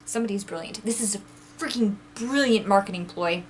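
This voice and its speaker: A woman's voice: mid-range voice, fairly quick, a little hiss or hum. A woman chatting casually in a vlog, gushing and giggling as she talks to the camera. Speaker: book vlogger.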